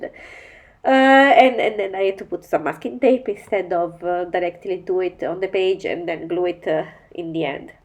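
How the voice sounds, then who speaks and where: A woman with a bad cold, her voice nasal, talking through a mixed media art tutorial in halting, step-by-step English. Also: mid-range voice. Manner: halting, explains each step in non-native English. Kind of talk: voice-over craft tutorial narration.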